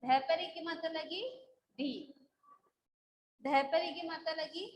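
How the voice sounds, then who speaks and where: A woman's voice: very high-pitched, steady tone, slow pace, roomy sound, poor audio. A woman school teacher taking a live online class, patiently drilling syllables and checking that the students follow.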